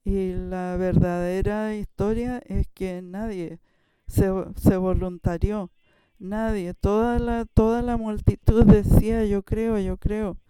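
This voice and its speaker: A preacher giving a sermon, telling a story in a halting way with frequent restarts and sudden shifts between loud and soft. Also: medium pitch, flat delivery, clear, resonant tone, no echo.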